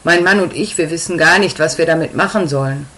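A woman's voice: deep voice, a little fast, a bit bright. A woman voicing a young wife who talks in a raised, agitated voice. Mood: welcoming. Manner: raised, agitated, then hospitable. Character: flustered young wife, shrill when shocked.

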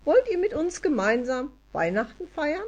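A woman putting on a squeaky eager forest elf. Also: sing-song, darkish tone, lo-fi sound. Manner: hurried, forced cheerful.

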